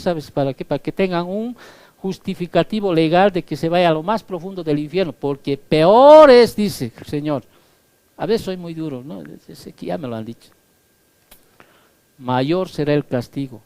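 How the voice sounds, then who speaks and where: A male pastor with a high-pitched, slightly mellow voice preaches a sermon at a moderate pace, captured in a dry recording. He delivers it emphatically, sprinkling his points with a rhetorical "¿sí?" and acting out the voices he quotes.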